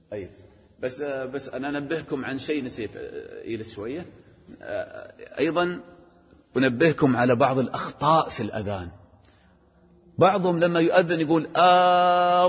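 A man, teaching a group of boys the call to prayer and chanting the phrases slowly to show them how. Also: medium pitch, husky, big-room sound. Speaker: religious teacher.

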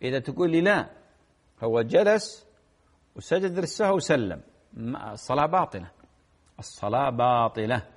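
A man answers callers' religious questions on a call-in show. He sits at an average pitch for a man and takes his time, explaining patiently and stretching out the words in his examples. He sounds like a cleric settling everyday questions. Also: lively intonation, moderate pace, pauses often.

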